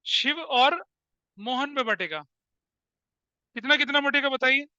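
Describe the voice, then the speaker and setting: A male teacher in his forties lectures a class in a very high, sharp and smooth voice. He keeps quizzing his students and repeats each point. The recording is dry and slightly lo-fi. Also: a little slow, no room sound. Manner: questioning, repeats points, calls students "beta". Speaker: accountancy teacher. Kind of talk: classroom lecture mixing Hindi and English.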